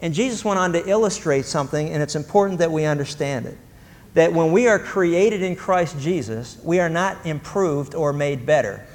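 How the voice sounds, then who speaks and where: Animated preacher man in a reverberant hall. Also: a little high, moderate pace. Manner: storytelling, animated, acts out the people in his stories. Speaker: pastor. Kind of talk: sermon.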